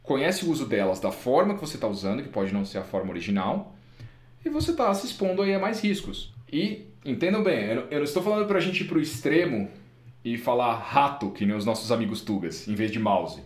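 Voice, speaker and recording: A man's voice: medium pitch, brisk. A man with a Brazilian Portuguese accent, a podcast co-host and interpreter chatting casually and emphatically. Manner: animated, laughs often, emphatic. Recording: echoey room.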